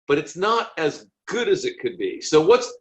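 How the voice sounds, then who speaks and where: A man's voice: a little high, very animated, normal speed. A man hosting an interview, asking questions eagerly and often restarting his sentences over a video call. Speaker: podcast host interviewer. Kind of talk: casual interview.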